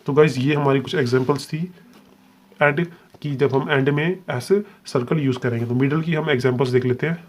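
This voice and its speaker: A man's voice: medium pitch, fairly even intonation. Patient male shorthand teacher. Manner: patient, repeats "ठीक है" and spells sounds out slowly. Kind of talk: step-by-step video lesson.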